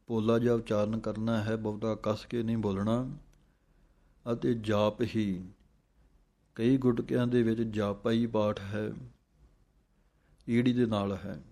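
A man giving a recitation lesson, his voice low and held almost level. He chants each verse in a slow, drawn-out way. Between verses he explains the pronunciation in quicker everyday speech. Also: creaky, warm tone. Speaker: teacher of scripture recitation.

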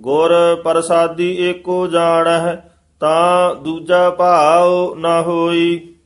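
A man reciting scripture line by line as a student, half singing in a slow, even chant. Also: a little high.

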